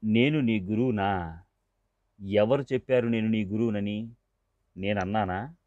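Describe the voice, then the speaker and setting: A man reading the part of a calm older male sage who speaks in a measured, mildly scolding way, in a dull, dry recording. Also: fairly low pitch, no room sound, lightly acted.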